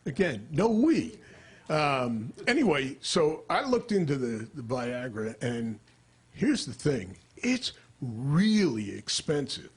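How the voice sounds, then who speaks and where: An older man performing stand-up comedy into a stage microphone, deadpan and dry, jumping into character voices. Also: mid-range voice, slow pace, slightly rough.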